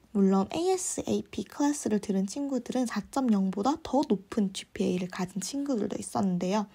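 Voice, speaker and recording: A woman's voice: medium pitch, creaky, mellow, husky. A young woman in her twenties telling a personal story in a chatty vlog, acting out the lines she quotes. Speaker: vlogger.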